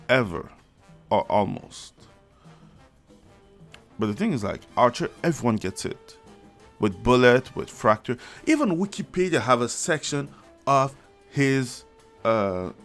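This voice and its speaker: Male video commentator with a gravelly, unhurried delivery, blunt and sarcastic. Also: mid-range voice, a bit bright. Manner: blunt, sarcastic, swears freely, laughs mid-sentence. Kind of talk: casual opinion commentary. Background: background music.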